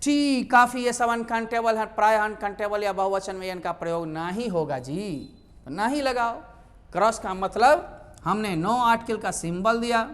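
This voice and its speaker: A man's voice: sits high, a bit bright, long reverb tail. A male teacher, explaining English grammar in a lecture. He asks his own questions and answers them.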